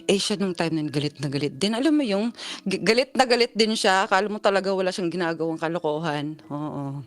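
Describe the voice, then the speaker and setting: A woman calling in to a radio show, telling a personal story with animated delivery and sharp rising reenactments of an argument. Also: fairly low pitch, fast talker, soft background music. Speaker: caller sharing a personal story. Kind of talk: phone-in confession. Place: abroad in her home.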